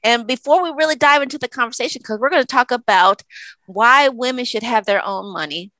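A woman's voice: fairly high pitch, brisk, bright, forceful tone, dry recording. A woman hosting an interview podcast, talking in a friendly, loose way with some fillers, on a video call. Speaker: podcast host. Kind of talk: casual interview chat.

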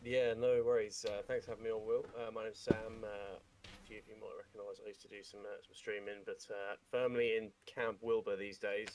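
A man's voice: lowish voice, flat delivery, a little fast, a little mellow, a little hiss or hum, rough recording. A man with a Scouse accent, chatting casually on a podcast with a hesitant delivery full of fillers. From Liverpool, England. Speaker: podcast co-host.

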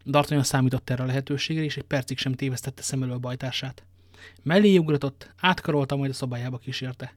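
A man narrating a classic adventure story in a calm, even reading manner. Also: mid-range voice, dry recording, studio quality.

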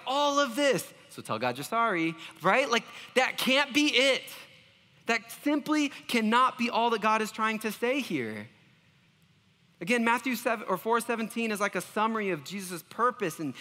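A pastor with a high voice delivers a sermon in an earnest, self-deprecating way, frequently stumbling and restarting. His tone is bright and forward, trailed by a long reverb.

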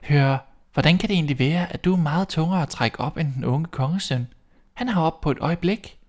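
A man voicing a gentle young girl in a spoken fairy tale, in a soft, earnest way. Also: on the high side, voice pushed up, lightly acted. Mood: wondering.

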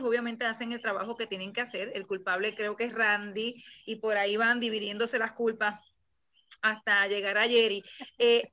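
A woman hosts a casual live stream, lively as she reads greetings aloud and questions her guests. Her voice is bright and pitched fairly high. The sound is dull and lo-fi. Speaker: host.

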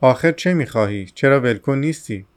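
A man voicing a stern, irritated house porter who questions sharply, in a smooth voice. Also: medium pitch, animated, natural voice.

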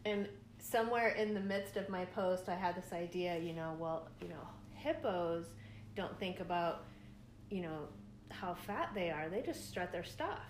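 A woman's voice: lowish voice, animated, a little slow. Rambling, laughing woman podcast co-host. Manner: rambling, laughs often, many fillers. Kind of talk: casual chat. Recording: echoey room, faint noise.

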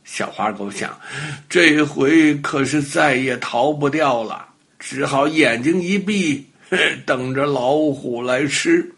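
An older man telling a children's bedtime story to little listeners, animated and expressive, acting out sound effects as he goes. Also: medium pitch, slow pace, gravelly, breathy edge.

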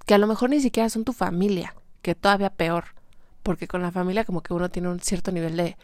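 A woman's voice: lowish voice, no room sound, studio quality. A young Mexican woman telling a story in a chatty, slangy way, quoting others as she goes. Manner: chatty, slangy, animated retelling with quoted voices. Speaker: vlogger. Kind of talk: casual storytelling monologue.

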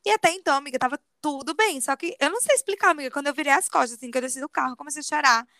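A woman telling a personal story to a friend in a confiding, animated way. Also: high voice, rapid-fire, no room sound, clean studio sound. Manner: animated confiding storyteller, often says "amiga". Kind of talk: casual storytelling chat.

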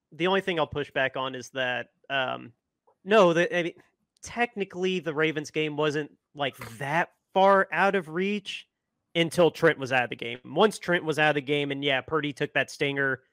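A man's voice: a little high, moderate pace, a bit bright, smooth, no room sound. Hedging male podcast co-host. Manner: hedging, frequent filler "no". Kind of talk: casual sports podcast chat.

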